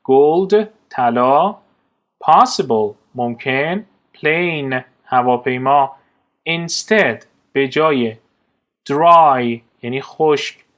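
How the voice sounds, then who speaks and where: A man's voice: mid-range voice, fairly bright tone. A man with a Persian accent teaching English vocabulary, reading each word and then giving its meaning.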